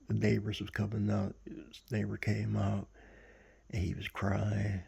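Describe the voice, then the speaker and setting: Male vlogger, low, gravelly voice; loose, rambling storyteller who stumbles and restarts. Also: monotone, a little mellow. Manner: rambling, halting, full of fillers and self-corrections. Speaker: vlogger recounting a dream. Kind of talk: casual storytelling.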